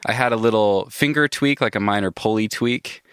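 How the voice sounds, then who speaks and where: A man hosts a podcast from inside a van, relaxed and laughing a lot as he chats and reads an ad, often restarting sentences and slightly congested from a head cold. His fairly low voice is clean and at normal speed, with no echo and clean studio sound.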